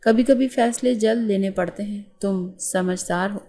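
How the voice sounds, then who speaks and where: A woman voicing a middle-aged father who speaks calmly and a little hesitantly. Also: mid-range voice, lightly acted. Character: mild-mannered father, middle-aged man.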